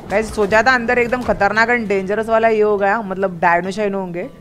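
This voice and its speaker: A man with an Indian accent hosting a multiplayer gameplay video, excitedly hyping a raid and making playful sound effects. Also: high-pitched, a little fast, soft background music. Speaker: gaming channel host. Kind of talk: live multiplayer gameplay chat.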